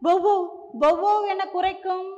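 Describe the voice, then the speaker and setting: A woman teacher with a Tamil accent giving a bilingual lesson to young children, slow and coaxing, repeating each line in two languages. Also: very high voice, flat delivery, warm tone, big-room sound, highs cut off.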